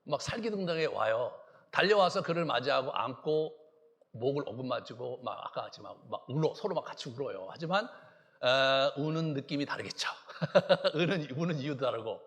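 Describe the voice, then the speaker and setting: A male pastor preaching a Sunday sermon in an animated way, acting out quoted lines in a hushed voice. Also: medium pitch, moderate pace.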